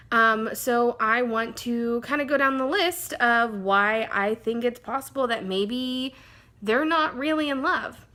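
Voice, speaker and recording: A woman's voice: on the high side, sharp tone. A woman vlogger talking casually to camera in a chatty, rambling way that often goes off on side tracks.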